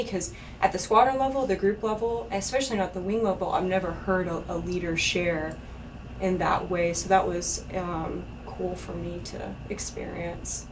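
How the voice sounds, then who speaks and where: A woman's voice: on the low side, recorded from a distance, a little hiss or hum, rough recording. A woman, an instructor, talking earnestly and chattily with fillers as she asks and shares her story. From East Texas. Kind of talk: conversation host sharing a story. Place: bright indoor studio set.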